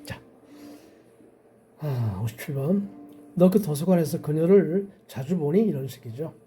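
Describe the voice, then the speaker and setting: Slow, dark-voiced Korean grammar teacher. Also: male voice, fairly high pitch, expressive, a little hiss or hum. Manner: slow, step-by-step, slowly spelling out English example sentences. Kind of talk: explaining lesson to parents and teachers.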